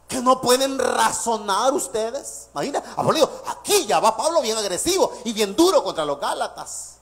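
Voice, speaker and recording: Pastor guy, really high voice, preaching lively, keeps asking the church stuff and laughing. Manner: quizzes the congregation with questions. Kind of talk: sermon.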